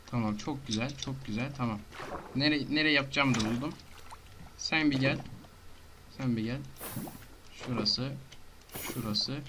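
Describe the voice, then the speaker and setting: A gamer gives casual commentary on his own gameplay, talking to himself and breaking into frantic shouting and rapid repeated words. His voice is medium-pitched, and the background is noisy.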